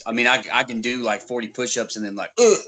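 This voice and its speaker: A man's voice: mid-range voice, steady tone, fast, a bit bright. A man co-hosting a podcast, wisecracking through casual banter. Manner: wisecracking, joking. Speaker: podcast co-host.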